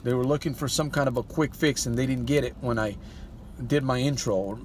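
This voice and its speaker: Talking fairly quickly in a mid-range voice, a man gives a life coach's motivational monologue. Rhetorical questions keep coming at the listener, whom he addresses in a folksy way as "my friend."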